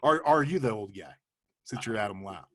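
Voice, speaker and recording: A man's voice: on the low side, expressive, normal speed, a crowd in the background. A man hosting a casual video-call chat, laid-back, laughing easily and swearing casually. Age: 40s. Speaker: host.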